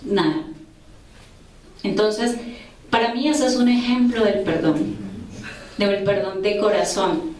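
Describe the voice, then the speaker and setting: A woman's voice: medium pitch, a little mellow, slight background noise. Woman giving testimony in an echoey room. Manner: earnest, confessional, with pauses and restarts. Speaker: prayer group speaker. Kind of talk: religious talk with personal testimony. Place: church group meeting room. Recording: echoey room, mic far off.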